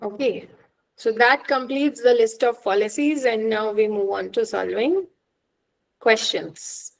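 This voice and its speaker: A woman teaching an online exam-prep lecture, explaining with examples and checking understanding with quick questions. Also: fairly high pitch, gravelly, poor audio.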